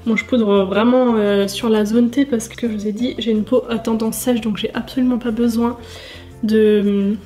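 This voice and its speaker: A beauty vlogger tests makeup while chatting casually to viewers, addressing them directly and filling her talk with fillers and asides. Her voice is on the high side with a dark tone, fairly even intonation, and moderate pace, over faint background music.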